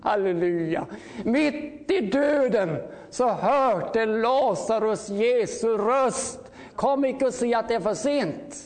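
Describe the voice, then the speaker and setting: A man's voice: extremely high pitch, animated, a little mellow. A man preaching a fervent revival sermon, often crying out hallelujah and building to urgent calls.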